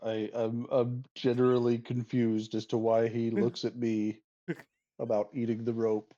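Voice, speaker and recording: A man playing a tabletop game, speaking earnestly and deadpan. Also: mid-range voice, moderate pace, dull audio. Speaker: player. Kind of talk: tabletop role-play.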